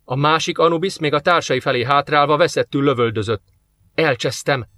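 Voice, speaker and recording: A man narrating a science-fiction audiobook in a steady, even storytelling manner. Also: a little high. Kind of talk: scripted narration.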